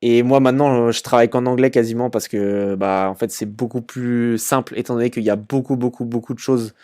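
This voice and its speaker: A man's voice: medium pitch, fairly even intonation, fairly quick, mellow. Chatty young man with many fillers. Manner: informal and chatty, many fillers and repeated words. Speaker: e-commerce channel host. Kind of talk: casual screen-share commentary.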